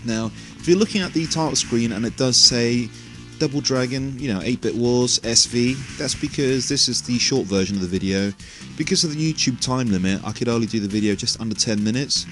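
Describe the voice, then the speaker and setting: A man's voice: medium pitch, fairly quick, a bit bright, soft background music. A man hosting a retro gaming video, talking through gameplay in a chatty, rambling way full of asides, sounding a little tired and out of breath. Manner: chatty and rambling, frequent "you know" asides. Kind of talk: casual gameplay commentary.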